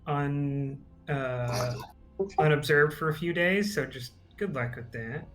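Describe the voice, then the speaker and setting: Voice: medium pitch, slow pace, a bit bright, faint music behind. A player in a tabletop role-playing game, talking through plans hesitantly with many fillers.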